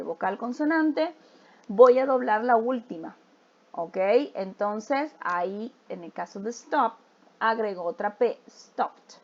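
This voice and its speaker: A woman's voice: fairly high pitch, lo-fi sound. Woman teaching English grammar. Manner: mixes Spanish explanation with English examples, checks in with "¿ok?". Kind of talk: recorded grammar lesson.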